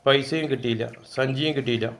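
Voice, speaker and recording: A man voicing a young uncle who calls out briskly and comforts his nephew in a told story. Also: mid-range voice, fairly bright tone, a little hiss or hum, lightly acted. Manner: brisk, reassuring.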